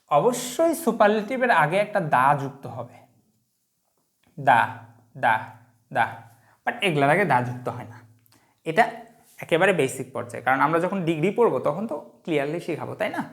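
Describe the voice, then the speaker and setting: A woman English teacher with a Bangladeshi Bengali accent, mixing English words into her talk. She explains grammar step by step, asks quick check questions and drags out example sentences word by word. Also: low-pitched. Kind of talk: online grammar lesson.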